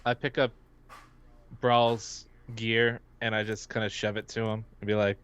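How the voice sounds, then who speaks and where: A man's voice: lowish voice, flat delivery, unhurried, fairly bright tone, smooth. A man playing a tabletop game, speaking casually and repeating words as he decides what his character does. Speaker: player.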